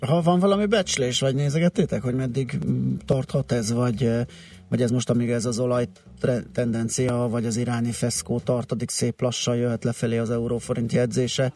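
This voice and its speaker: A male business radio host asks casual, searching questions about currencies. His tone is mellow and dark. He sounds set back from the microphone. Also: mid-range voice, steady tone, recorded from a distance. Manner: conversational questioning, brief backchannels.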